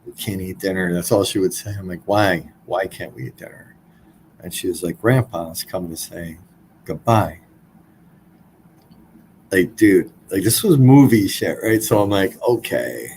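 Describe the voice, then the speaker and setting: Man in his forties, low voice, blunt and casual, swears a lot, podcast guest, faint background noise. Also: unhurried, darkish tone, poor audio. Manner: blunt, swears freely, many fillers. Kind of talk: casual storytelling.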